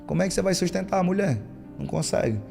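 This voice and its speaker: A man's voice: sits high, animated, racing, vocal fry, a little mellow, soft background music. A man preaching a sermon as a pastor, telling stories and acting out the lines of church members. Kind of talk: sermon with storytelling.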